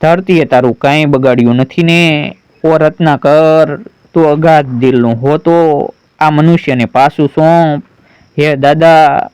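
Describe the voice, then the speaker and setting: A man's voice: fairly high pitch, fairly even intonation, unhurried, a little mellow, clean tone, dry recording, lightly acted, rough recording. A man voicing a devout, desperate man who fervently prays to the sea for a life. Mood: imploring. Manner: fervent, imploring.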